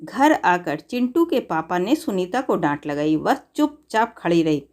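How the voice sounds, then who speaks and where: A woman tells a scripted moral story for a family audience. Her mid-pitched voice stays measured and even, a calm storybook reading from start to finish.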